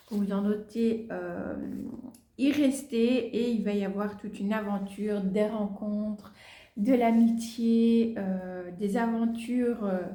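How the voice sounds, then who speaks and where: A woman's voice: medium pitch, warm tone. A woman vlogging about books she wants to read, chatting casually, with many fillers and little asides as she holds books up to the camera. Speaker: book vlogger. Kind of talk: casual book haul chat. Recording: echoey room.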